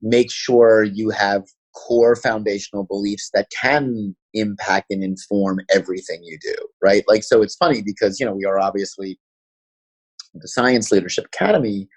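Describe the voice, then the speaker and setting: Man, 40s, New York accent, husky low voice, quick animated storyteller. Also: rough recording. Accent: New York City. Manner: fast-talking, animated storyteller. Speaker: school founder and principal. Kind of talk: podcast interview storytelling.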